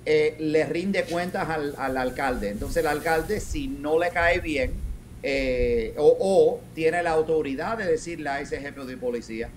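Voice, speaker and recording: A middle-aged man, a retired police commander, answering interview questions over a webcam from a home office, talking haltingly with many restarts and English words mixed in. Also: on the high side, slight background noise. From raised in New York. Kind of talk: video call interview. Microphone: video call webcam.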